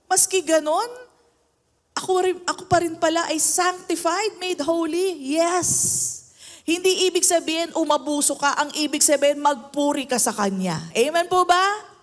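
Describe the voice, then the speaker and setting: A woman's voice: very high voice, normal speed. A Filipino woman pastor preaching a sermon, mixing Tagalog and English and calling for amens from the congregation. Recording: long hall reverb.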